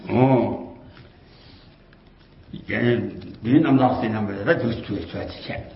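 A man's voice: on the low side, moderate pace, gravelly, slight background noise. A man talking casually and at length, rambling and repeating himself, with many fillers and rhetorical asides. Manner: rambling and repetitive, often circling back to the same phrases; colloquial, with frequent fillers and rhetorical questions. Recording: roomy, dull lo-fi recording.

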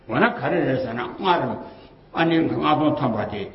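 A man of ordinary pitch talks on in loose, colloquial chat, circling back to the same phrases and tossing in rhetorical questions. The sound is muffled and lo-fi, with a noticeable room echo around his voice. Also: animated, fairly quick, creaky. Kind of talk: casual rambling talk. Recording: roomy, dull lo-fi recording.

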